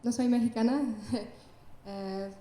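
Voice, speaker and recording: A young Canadian woman, a startup founder, speaks Spanish with an English accent in an onstage interview before an audience at an event. She's hesitant, full of fillers, and laughs between phrases. Her voice sits on the high side, steady, slow and warm, in an echoey room.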